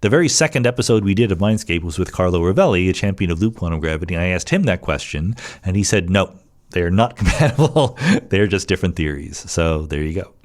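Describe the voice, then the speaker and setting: Speaking quickly with lively intonation, a middle-aged man in a low register fields listener questions alone on his podcast. His chatty answers are full of fillers and false starts as he reasons out loud.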